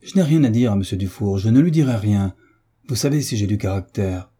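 A man's voice: on the low side, expressive, brisk, mellow, husky. A man reading an audiobook, voicing an impatient, sullen teenage boy who answers curtly and irritably. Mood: exasperated. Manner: curt and irritable. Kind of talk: audiobook character voice.

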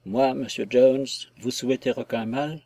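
Man narrating a gentle young lady, soft-spoken, hesitant, mid-pitched, dry. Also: animated, normal speed, no echo. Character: young gentlewoman, shy and tender.

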